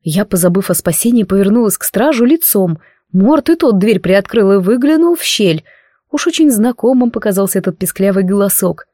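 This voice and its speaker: A woman's voice: mid-range voice, brisk, no echo. Wry woman reading an audiobook. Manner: wry, expressive. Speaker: audiobook narrator. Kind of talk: first-person audiobook narration.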